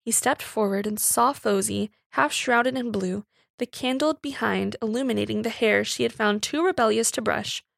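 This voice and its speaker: Woman narrator, slightly high, gravelly, dry close read of a period story. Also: dry recording. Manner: measured, expressive storytelling. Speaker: reader. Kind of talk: scripted narration of a Victorian short story.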